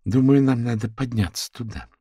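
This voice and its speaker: A man voicing a retired woman amateur detective who speaks in a measured, patient way in an audiobook. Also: mid-range voice, warm tone, slightly rough, no room sound, clean studio sound, voice pushed up, natural voice.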